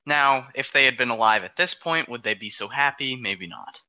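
Man presenter, very bright and forceful tone, dry close sound, laid-back explainer with ums. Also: medium pitch, normal speed, no room sound, dull audio. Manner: walks through dates step by step, frequent ums. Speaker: presenter of an alternate history timeline. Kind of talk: casual explanatory podcast talk.

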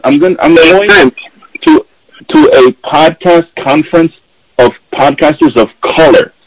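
A man's voice: mid-range voice, dry recording, poor audio. A man hosting a podcast in casual chat, telling stories and acting out the people he quotes, swearing freely. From Puerto Rican and Dominican heritage. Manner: animated storyteller, acts out quotes, swears freely. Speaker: podcast host. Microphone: remote call.

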